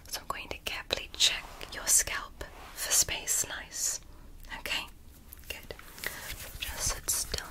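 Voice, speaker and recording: The recording is rough, but the whispered ASMR roleplay comes through: a woman acting as a gentle alien examiner, speaking in a deliberate, soothing, reassuring way.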